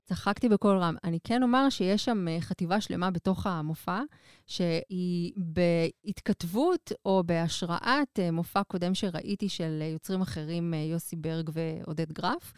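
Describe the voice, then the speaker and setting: A woman co-hosting a podcast, reviewing in casual chat, talking with many filler pauses. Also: on the low side, smooth, dry recording, clean studio sound. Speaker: podcast co-host, culture reviewer.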